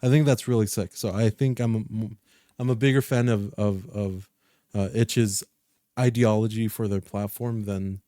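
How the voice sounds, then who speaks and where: A man's voice: lowish voice, fairly even intonation, unhurried, dark tone, no room sound, studio quality. A man chatting casually on a podcast with friends, laid-back and slangy. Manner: laid-back, slangy, says "bro" often. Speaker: podcast co-host. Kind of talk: casual banter among friends.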